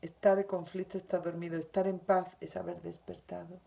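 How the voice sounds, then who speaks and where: Una mujer con acento de España que lee y comenta una lección espiritual diaria, con tono suave, sentido y reflexivo. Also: female voice, fairly low pitch, level tone, fairly quick, vocal fry, mellow. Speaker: spiritual teacher. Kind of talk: reading and commenting on a daily spiritual lesson.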